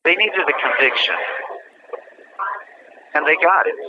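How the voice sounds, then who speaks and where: A man on a prison phone line, telling his own story in a plain, halting way with many fillers. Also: a little high, sing-song, noisy background. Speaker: incarcerated interviewee. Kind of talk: casual personal account. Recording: dull prison phone line with music under it.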